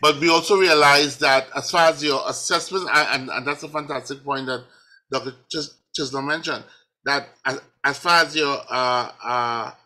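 A man speaking as a professor in an online panel discussion. His voice is bright and forceful, and his delivery is measured, circling back over words as he builds his point. It sounds like a video-call connection. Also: medium pitch, steady tone, rough recording. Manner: measured, restarts phrases.

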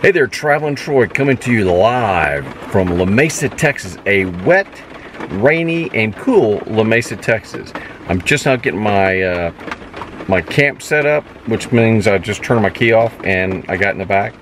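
Unhurried and fairly bright, this man's voice is on the low side with lively intonation and slight background noise. He's a forty-something travel vlogger talking breezily, with lots of fillers, to a handheld camera at arm's length. Filming moves between a lakeside dam and the inside of his camper van, with voice-over narration too.

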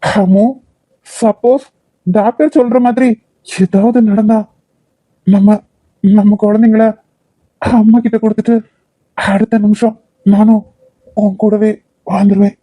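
A woman's voice: medium pitch, fairly even intonation, unhurried, long pauses, dark tone, no room sound, lightly acted. A woman voicing a worried young husband in a cartoon drama, stern and pleading in Kanyakumari Tamil. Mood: tender grief. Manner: stern, pleading with his wife. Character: worried young husband, firm but loving.

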